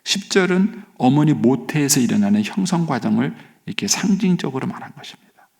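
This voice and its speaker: A man's voice: mid-range voice, expressive, fairly quick, vocal fry, a little mellow, long reverb tail. A man preaching an early morning sermon in a church as pastor, voicing pleading complaints to God as he explains the text.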